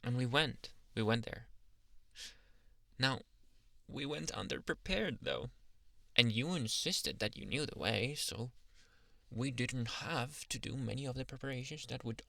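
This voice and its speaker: A man playing a shy, tender boyfriend in a soft, halting, intimate ASMR role-play, teasing and adoring. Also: mid-range voice, gravelly, dry recording. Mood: fond, reminiscing.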